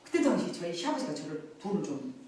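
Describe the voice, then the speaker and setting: A woman's voice: on the low side, very animated, fast talker, a little mellow. Middle-aged woman preaching in an echoey church. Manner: emphatic, folksy storytelling with congregation call-and-response. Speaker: pastor. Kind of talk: live Sunday sermon. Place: church sanctuary during worship. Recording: very echoey church hall, distant mic, faint noise.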